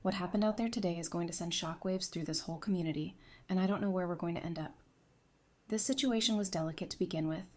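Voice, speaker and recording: An actress voices a widowed apocalypse survivor in an audio drama, a resolute, composed woman delivering an urgent warning in a measured, earnest way. Her natural voice is fairly low and a little mellow.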